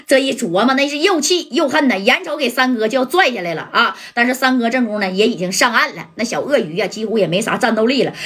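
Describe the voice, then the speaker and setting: A woman telling a serialized story in a lively, chatty manner, often asking the listener questions. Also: on the high side, breathy edge.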